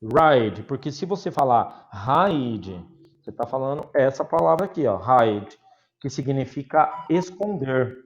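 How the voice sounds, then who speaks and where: A man's voice: mid-range voice, lively intonation, a little slow, dull audio. Brazilian man teaching English online. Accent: Brazilian Portuguese. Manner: explains patiently with examples. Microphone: video call.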